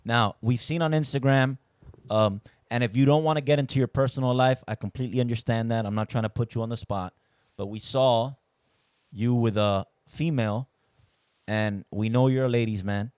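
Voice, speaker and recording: A man's voice: mid-range voice, normal speed, darkish tone, clear, resonant tone, no room sound, studio quality. A man hosting a casual podcast interview, teasing his guest in a playful way. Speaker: podcast host.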